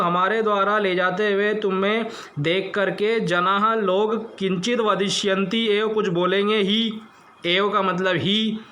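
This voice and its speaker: A male teacher with a high, bright voice works through a text at an unhurried pace. He reads a line, translates it word by word, and asks the class about the grammar. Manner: explains grammar with questions to the class.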